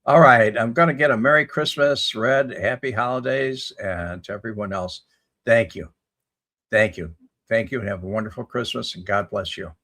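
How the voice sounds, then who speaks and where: A man in his seventies with a low, gravelly, husky voice chats casually on a livestream. He reads out viewer comments and answers them in a rambling, folksy way. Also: normal speed, sharp tone. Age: 70s. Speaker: livestream host answering chat. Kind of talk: casual live chat reading viewer comments.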